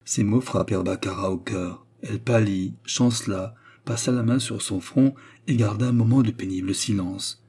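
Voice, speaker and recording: Low husky male narrator. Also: moderate pace, warm tone. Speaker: audiobook narrator. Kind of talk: scripted narration of a classic novel.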